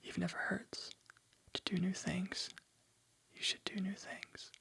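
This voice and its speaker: An ASMR host whispers encouragement in a breathy, unvoiced voice, repeating motivational phrases over and over. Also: mid-range voice, little pitch movement, measured pace, sharp tone.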